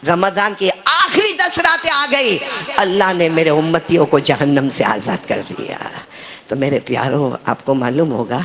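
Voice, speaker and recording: A man's voice: a little high, fairly bright tone. A man preaching a sermon, telling stories animatedly and acting out the voices, calling on the listeners to answer.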